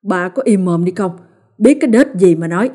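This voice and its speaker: A woman's voice: mid-range voice, a little fast, dark tone, natural voice. A woman voicing a short-tempered middle-aged village father who barks curt retorts, as a character in an audiobook. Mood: irritated. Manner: barking, curt.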